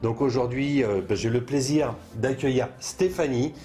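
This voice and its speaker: Mellow male interviewer, hesitant phrasing. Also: mid-range voice, moderate pace, soft background music. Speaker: video host and interviewer. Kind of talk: conversational interview, summing up guest's points.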